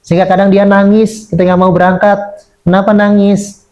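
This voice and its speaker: A man giving a lively religious lecture to teachers as an Islamic teacher, acting out children's words. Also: high voice, normal speed. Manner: lively, acts out children's quoted speech. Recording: muffled lo-fi recording.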